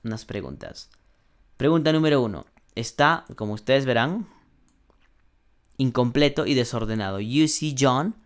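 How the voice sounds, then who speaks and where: A man leads an online English grammar class at an unhurried, deliberate pace. He walks through each exercise step by step and translates every example. He draws out the English sentences slowly so learners can repeat them. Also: mid-range voice, expressive. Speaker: English teacher.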